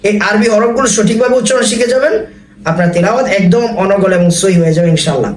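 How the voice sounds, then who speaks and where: High-voiced man teaching in an echoey room. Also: far from the mic. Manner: patient, demonstrates each letter sound slowly and repeats it. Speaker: Quran reading teacher. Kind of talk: recorded online lesson on letter pronunciation.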